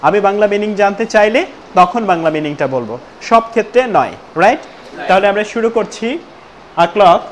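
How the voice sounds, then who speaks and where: A man with a high-pitched, animated voice teaches a spoken English class, prompting students over and over and slowing way down to model each sentence in call-and-response drills. Students answer in chorus amid loud room noise and class chatter.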